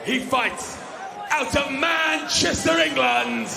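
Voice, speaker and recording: A man making formal fighter introductions as a boxing ring announcer, booming and drawing out names and phrases. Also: slow pace, gravelly. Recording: loud arena crowd noise.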